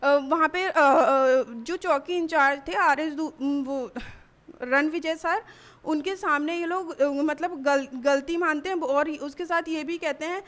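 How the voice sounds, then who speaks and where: A young woman, a college student, gives a halting personal account in a news interview, often restarting her sentences. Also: high-pitched, fairly bright tone. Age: young adult. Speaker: college student giving testimony.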